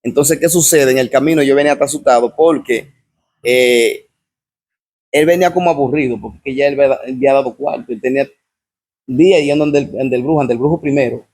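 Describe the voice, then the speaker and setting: A man with a Dominican accent recounting his personal testimony as a guest, telling the story step by step and often pausing to ask what happens next. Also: medium pitch, darkish tone, slightly rough. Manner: repetitive storyteller, keeps asking "what happens?".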